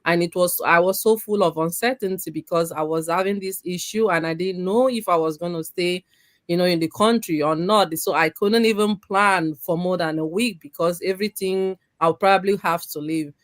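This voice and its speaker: A woman's voice: on the low side, normal speed, dry recording. A woman giving an earnest, tearful personal testimony, often breaking off and restarting her sentences. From Nigeria. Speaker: community member giving a testimony.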